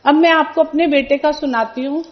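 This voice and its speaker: A high-voiced middle-aged woman recounts family stories as a devotional testimony. She tells it in an animated way, acting out what each person said. The sound is dull and lo-fi. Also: moderate pace. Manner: storytelling, animated retelling of family events with quoted dialogue.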